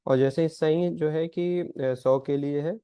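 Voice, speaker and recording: A man giving a recorded language lesson, explaining in Hindi and reading out Portuguese examples slowly. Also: a little high, fairly even intonation, warm tone, clear, resonant tone, no room sound. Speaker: language teacher. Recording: dry, slightly dull lo-fi sound.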